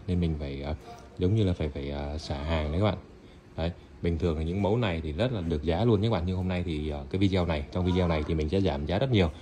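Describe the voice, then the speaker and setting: A man's voice: low voice, a little mellow, slight background noise. A man selling goods in a casual, chatty video showcase, often repeating himself and addressing viewers directly. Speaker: online seller of used Japanese rice cookers. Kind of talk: casual product showcase and sales talk. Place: indoor tiled room, products on the floor.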